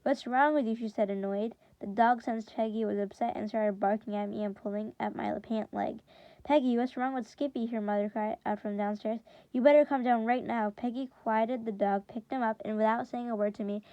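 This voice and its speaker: Warm and fairly high-pitched, this reader works through a first-person book chapter for students the way a teacher would, occasionally tripping over and repeating words. The sound is dry and dull.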